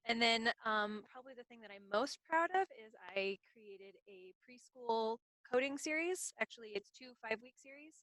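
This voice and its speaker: Bright, chatty woman librarian on a call. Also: fairly high pitch, expressive, moderate pace, hardly any pauses, poor audio. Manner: modest, chatty, laughs easily. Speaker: children's librarian, guest. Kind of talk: casual video call talk. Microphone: video call.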